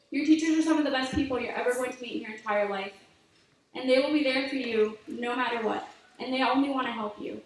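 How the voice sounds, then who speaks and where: A graduating student in her late teens gives an earnest, heartfelt graduation speech full of advice, her voice high. The sound echoes heavily through a large hall, she seems far from the mic, and a faint hiss runs beneath.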